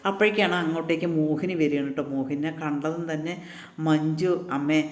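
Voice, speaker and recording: Flat-voiced man recapping a TV serial. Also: a little high, brisk, echoey room. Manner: retells scenes in a flat, even flow, tagging lines with "kēṭṭō". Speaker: TV serial episode reviewer. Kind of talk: casual plot recap.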